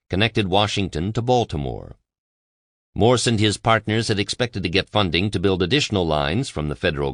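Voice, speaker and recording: A man reading a biography aloud as an audiobook narrator, in a measured, even delivery. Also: deep voice, dry recording, studio quality.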